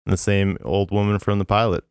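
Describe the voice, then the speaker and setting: A man's voice: lowish voice, level tone, a little fast, clear, resonant tone, no echo, clean studio sound. A man co-hosting a podcast, chatting casually in a laid-back, agreeable way. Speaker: podcast co-host. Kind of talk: casual chat.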